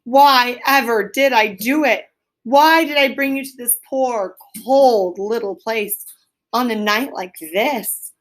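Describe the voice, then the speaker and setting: A woman's voice: on the high side, slow, fairly bright tone. Lady doing a sad little mole from a storybook, plaintive moaning, dragged-out words, feels sorry for himself. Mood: dismal regret.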